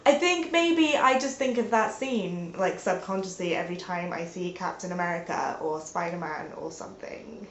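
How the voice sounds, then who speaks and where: This young woman's voice is on the low side and a bit bright, running at normal speed with hardly any pauses as she chats casually from home. She sounds stuffed up from a sinus infection, says "like" often, bursts out playfully, and the echoey room carries slight background noise.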